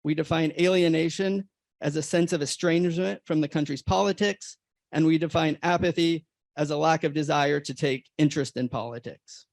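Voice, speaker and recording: A man on a conference panel, reading a prepared research presentation in a formal, steady way with occasional restarts. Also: on the high side, moderate pace, vocal fry, no echo.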